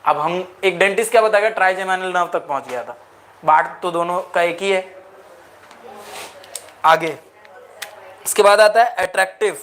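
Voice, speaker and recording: A man's voice: high voice, normal speed, long pauses, fairly bright tone, a little hiss or hum. A man teaching a lecture, mixing in English phrases and asking the class questions again and again. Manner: asks the class repeated questions.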